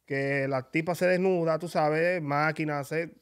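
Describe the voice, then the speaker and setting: A man's voice: a little high, fairly even intonation, measured pace, smooth. A man hosting a casual chat, telling stories and asking teasing questions. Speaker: host.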